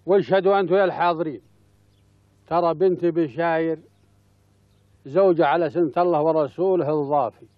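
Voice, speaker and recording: Male actor as stately Bedouin elder, raised pitch, ceremonious Bedouin Arabic for TV drama, dry dull recording. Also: a little fast, pauses often, no echo, natural voice. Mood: solemn. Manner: ceremonious, repeating greetings. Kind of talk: Bedouin television drama acting.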